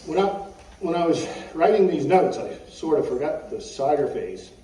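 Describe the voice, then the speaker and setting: A man's voice: on the high side, animated, normal speed, mellow. A middle-aged or older man reading a personal eulogy from notes, telling humorous anecdotes in a wry, folksy way. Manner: wry, folksy storytelling, often clearing the throat. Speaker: eulogist at a funeral. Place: echoey room at a funeral service. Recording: roomy, distant mic with faint background noise.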